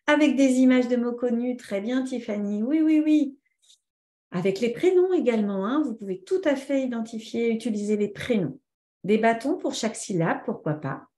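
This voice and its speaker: A woman trainer giving a live online lesson, lively and answering viewers' comments by name. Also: fairly high pitch, echoey room. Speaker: teacher trainer.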